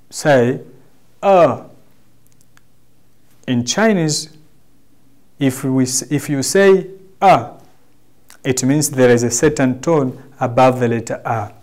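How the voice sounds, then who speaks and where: A man with a Tanzanian accent teaching a language lesson, drawing out his words slowly and repeating examples for the class. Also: a little high, darkish tone. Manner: slow, drawn-out teaching delivery with repeated demonstrations.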